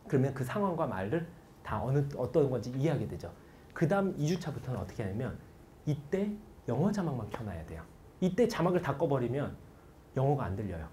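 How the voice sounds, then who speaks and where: A man in his forties giving a lively motivational lecture on study methods to students, telling stories and asking the audience questions. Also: medium pitch, brisk, a little hiss or hum. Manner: animated storytelling, quotes people, asks the audience questions.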